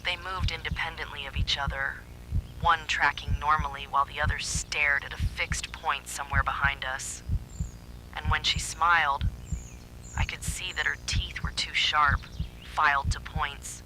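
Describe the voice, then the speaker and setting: A man tells a first-person horror story with dramatic suspense, his slightly high voice very bright and sharp, with little pitch movement, at normal speed. The audio is poor, with a faint hum of noise underneath.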